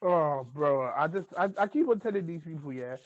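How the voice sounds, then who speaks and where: A man's voice: a little high, moderate pace, dry recording. A man hosting a podcast, chatting casually in slang and acting out quotes. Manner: animated, slangy, acts out quotes. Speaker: podcast host. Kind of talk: casual chat. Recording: muffled dry podcast audio.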